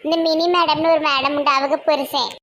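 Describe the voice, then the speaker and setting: A woman's voice: high voice, level tone, fairly quick, fairly bright tone, a little hiss or hum. A woman in a comedy skit, talking in a bossy, teasing way.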